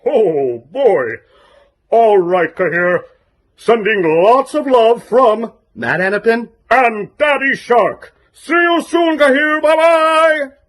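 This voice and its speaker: A man giving a gentle personal message, speaking as if to a child. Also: very high-pitched, slow.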